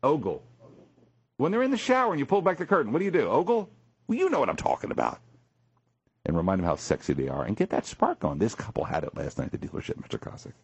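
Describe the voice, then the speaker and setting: A male radio show host in a morning talk show, animated and jokey, with a husky voice. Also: fast talker, no room sound. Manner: animated, jokey, swings high for emphasis. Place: radio studio.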